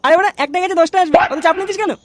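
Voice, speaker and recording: A man voicing a cheeky, loudmouthed teenage boy in a comic cartoon, swaggering, crude and coaxing. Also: extremely high pitch, very fast.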